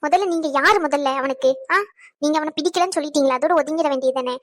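A blunt, scolding young cartoon woman, played by a woman. She talks sharp and teasing in a very high voice. The sound is close and dry. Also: fast talker, dry recording, natural voice. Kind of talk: cartoon voice acting.

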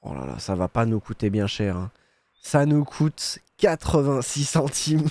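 Young man streaming a game, mid-pitched, teasing and sarcastic, swears a lot, dry close recording. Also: animated, a little slow, a little mellow, no room sound. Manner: joking, sarcastic, swears freely, hums sound effects. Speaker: gaming streamer. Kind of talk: casual let's-play commentary.

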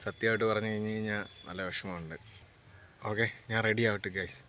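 A man's voice: lowish voice, fairly even intonation, fast, sharp tone. A young man from Kerala talking casually to his viewers as a vlogger, calling them guys and hesitating with fillers. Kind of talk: casual vlog talk to camera. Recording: clear background noise.

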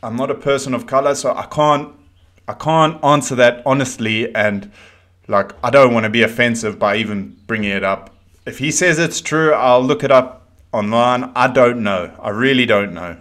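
A man's voice: medium pitch, moderate pace, a bit bright. A man, chatting casually while reacting to a video in a small room at home, rambling with frequent restarts. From South Africa.

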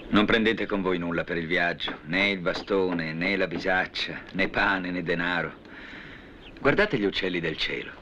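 An actor playing a serene male teacher who preaches to his followers in a solemn, measured way, in a 1970s film drama. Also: sits low, sharp tone. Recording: dull old film soundtrack with clear hiss.

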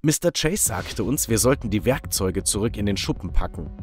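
Expressive male story narrator. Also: on the low side, normal speed, husky. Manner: animated, expressive reading.

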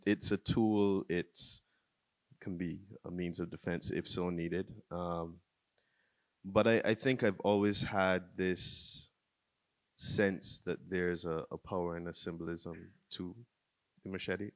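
A man from Barbados, a filmmaker and musician, speaking on a panel stage into a handheld microphone in a relaxed, reflective way. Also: low-pitched. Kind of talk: panel discussion. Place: museum auditorium stage, seated panel before an audience.

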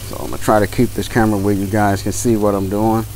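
Standing by his backyard grill, this man talks casually to his audience in a low, even, somewhat mellow voice, taking his time and addressing them folksily as "y'all" and "guys." It's a barbecue vlog recorded outdoors, and the sound quality is poor, picking up ambient noise and a light sizzle.

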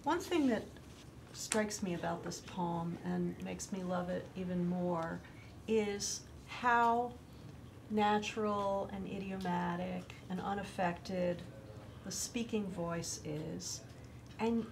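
A woman's voice: lowish voice, slow pace, gravelly, noisy background. A woman in her sixties hosting a poetry discussion in a scholarly, enthusiastic way. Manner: enthusiastic and scholarly, laughs often. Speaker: host of a poetry discussion show. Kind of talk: conversational literary discussion. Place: studio set, indoors.

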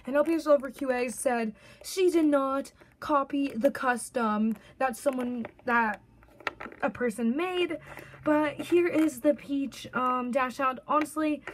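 A woman's voice: high voice, a little hiss or hum. A young woman chatting casually in a toy review vlog, rambling with many fillers and hiccuping now and then.

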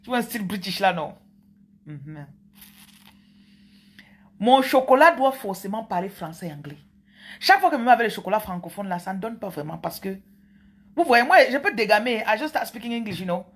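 Playful breathy woman with a lilt. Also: mid-range voice, very animated, moderate pace, long pauses. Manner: playful, chatty, teasing asides. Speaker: spiritual coach and vlogger. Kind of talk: casual monologue to viewers.

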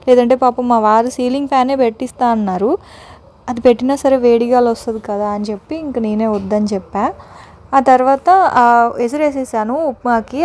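A woman's voice: on the high side, darkish tone. Chatty Telugu woman narrating cooking. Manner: chatty, explaining step by step. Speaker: vlogger. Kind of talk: voice-over cooking vlog narration.

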